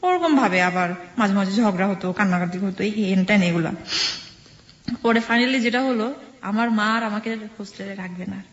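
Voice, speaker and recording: A woman's voice: medium pitch, moderate pace. A young woman from Khagrachhari recounts her own story in easy, rambling talk, slipping in fillers and voicing what others told her. Her voice comes across muffled and a bit roomy, as in a dull studio. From Khagrachhari, Bangladesh. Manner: conversational, acts out others' words, many fillers. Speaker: guest telling her life story. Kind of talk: personal storytelling on a radio show.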